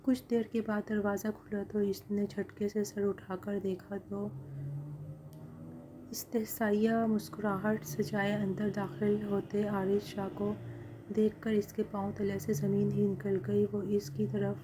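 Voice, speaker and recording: A woman narrating a dramatic story in a steady, scripted reading. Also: mid-range voice, background noise.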